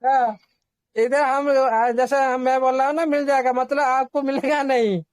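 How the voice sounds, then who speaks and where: A man's voice: very high-pitched, little pitch movement, moderate pace, no room sound. Man hosting a group video call. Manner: repetitive, reassuring, mixes in English terms. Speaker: host of an online meeting. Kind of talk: casual explanation on a group call.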